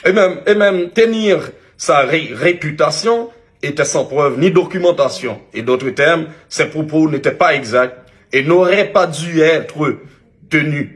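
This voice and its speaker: A man from Canada's Haitian community, an online media commentator with a Haitian accent, speaks in an earnest, halting way in a public apology video that's partly read from a text. His voice is on the high side.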